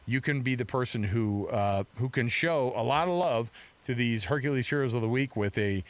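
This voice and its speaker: A middle-aged American man hosts sports radio from a close studio microphone, speaking at medium pitch and a moderate pace. His style is casual, chatty, and rambling.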